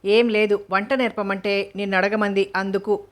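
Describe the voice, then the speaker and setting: A woman's voice: mid-range voice, little pitch movement, normal speed, natural voice. A woman reading the lines of a playful, teasing young sister.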